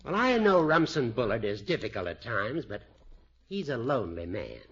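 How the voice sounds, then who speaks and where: An actor playing a genteel, kindly older judge with courtly, precise phrasing in a 1950s radio comedy. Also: male voice, mid-range voice, sing-song, moderate pace, a bit bright, slightly rough, heavily acted. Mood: gently reproving. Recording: noisy muffled vintage 1950s radio recording.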